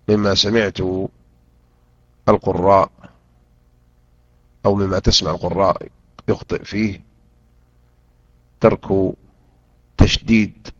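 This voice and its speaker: A man teaching a Quran interpretation lesson, drilling pronunciation and repeating words slowly and deliberately. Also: low voice, slightly rough, dry recording. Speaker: Islamic teacher. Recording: dull lo-fi recording.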